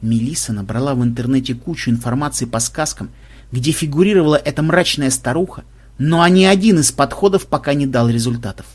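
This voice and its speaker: A man reading a humorous story aloud as the narrator, in a lively, wry storytelling manner. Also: medium pitch, brisk, husky. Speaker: audiobook narrator. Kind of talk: scripted narration.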